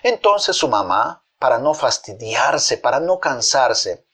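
A man's voice: medium pitch, sing-song, takes it slowly, a bit bright, breathy edge. A man narrating a children's fable with a mid-range voice. He tells it expressively, now and then asking his listeners questions directly. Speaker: storyteller.

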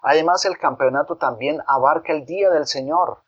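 A man voicing a gentle, hesitant mother who reproves her son softly in a slightly raised storybook voice. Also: fairly high pitch, moderate pace, voice pushed up, lightly acted. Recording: dull lo-fi recording.

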